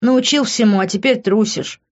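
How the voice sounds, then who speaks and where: Crude shouting young guy, read by a woman. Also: on the high side, normal speed, muffled recording, voice pushed up, lightly acted. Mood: scolding. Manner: coarse, yelling insults. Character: brash hot-tempered young man, crude-mouthed friend. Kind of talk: audiobook character reading.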